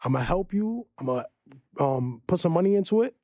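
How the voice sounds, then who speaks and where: Young male musician guest, higher voice, animated slangy storyteller, dry studio. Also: brisk, no echo. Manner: animated storytelling, New York street slang. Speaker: guest, music group member. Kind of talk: casual podcast conversation.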